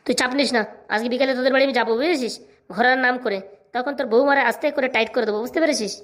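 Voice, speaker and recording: This is a cocky young nephew in a cartoon who boasts and schemes, played by a woman. He talks very fast, with a swaggering, bossy push behind his words. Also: high-pitched, voice pushed down, lightly acted. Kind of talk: cartoon voice acting.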